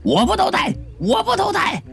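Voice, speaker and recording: A man voicing an angry male ghost, a stubborn rural man, who shouts in a shrill voice. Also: huge pitch swings, normal speed, vocal fry, exaggerated voice. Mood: desperate. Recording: faint background music.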